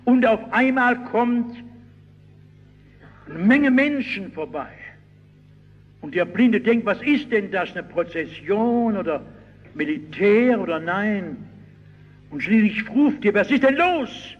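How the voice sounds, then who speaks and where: A man's voice: sits high, slow, long pauses. A middle-aged male preacher giving a sermon, telling stories vividly and crying out the voices of the people in them. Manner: animated storytelling, shouting out quoted cries. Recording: dull old hall recording with long reverb.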